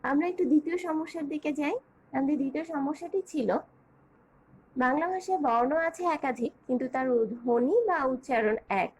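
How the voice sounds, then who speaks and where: High-pitched woman teaching a lesson. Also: low-quality recording. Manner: measured, clear, enumerating points and spelling out examples. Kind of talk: online grammar lesson.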